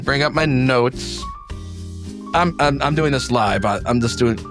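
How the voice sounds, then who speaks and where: A man's voice: medium pitch, measured pace, over music. A man hosting a tabletop game as game master, chatting casually and informally as he reads out submissions.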